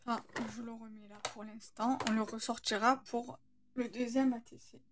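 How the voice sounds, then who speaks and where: A woman's voice: fairly high pitch, fairly even intonation, moderate pace, a crowd in the background. A woman with a slight lisp, hesitantly thinking aloud as she narrates a casual craft tutorial.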